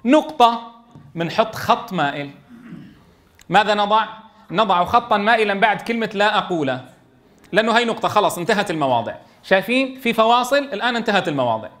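A man's voice: sits high, lively intonation, fast talker, fairly bright tone. A man leading a classroom tajweed lesson for Quran teachers, explaining step by step and checking in with his students.

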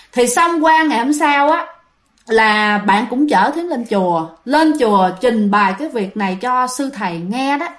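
Woman, Southern Vietnamese accent, high voice, very animated pitch, chatty ghost story narration. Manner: chatty, addresses listeners directly. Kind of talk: casual spoken ghost story retelling.

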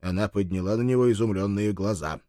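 A man's voice: lowish voice, fast talker, dark tone, no echo, studio quality. A man reading a first-person audiobook in a wry, sardonic way. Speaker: audiobook narrator.

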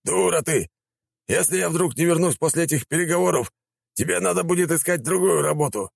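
A man voicing an excitable middle-aged male prefect who wheedles and fawns. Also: a little high, a little fast, vocal fry, slightly rough, dry recording, studio quality, pitched above the performer's own voice, heavily acted. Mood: blunt. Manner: wheedling, shouting, ingratiating.

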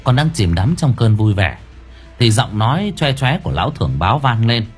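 A man's voice: medium pitch, moderate pace, faint music behind. A man narrating an audiobook expressively. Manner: expressive storytelling. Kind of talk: scripted narration.

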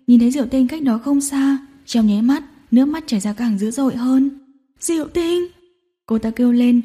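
A woman narrating a romance story in a steady, measured reading voice. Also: fairly high pitch, husky.

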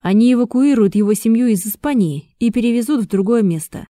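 A woman voicing a calm, self-assured male agent who explains things with conviction. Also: a little high, brisk, no room sound, clean studio sound, natural voice. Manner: confident, explanatory.

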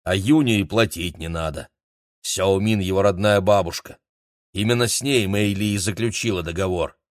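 A man voicing a sullen cook who confesses grudgingly in a plain, low voice. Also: moderate pace, no room sound, studio quality, lightly acted. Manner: grudging, matter-of-fact.

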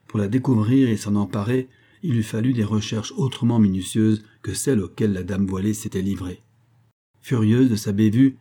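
A man reading an old adventure novel aloud in steady, measured narration. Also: on the low side, breathy edge. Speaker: audiobook narrator.

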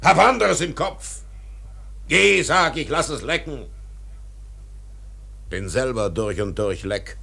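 An actor in a radio drama playing an obsessed, tyrannical older whaling captain, declaiming grandly in a gravelly, husky voice. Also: male voice, mid-range voice, lively intonation, slow pace, pauses often, pushed and bright, heavily acted. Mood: furious, scornful. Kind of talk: literary radio drama acting.

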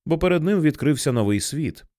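A man narrating an audiobook in a lively, dramatic storytelling manner. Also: on the high side, a little fast, dry recording, clean studio sound.

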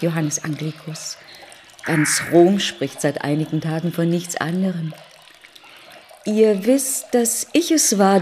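A woman's voice: mid-range voice, dark tone, a little hiss or hum, natural voice. A woman playing a scheming, self-assured noble Roman lady in a radio play.

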